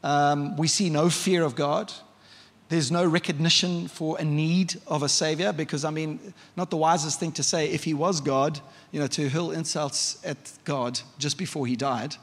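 Male preacher, fairly high voice, conversational sermon, questions to the congregation, long church reverb. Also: fairly even intonation, normal speed.

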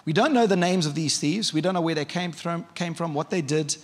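A man's voice: a little high, a little fast. A man preaching a sermon in a church, conversational and vivid, often asking the congregation questions. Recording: long hall reverb.

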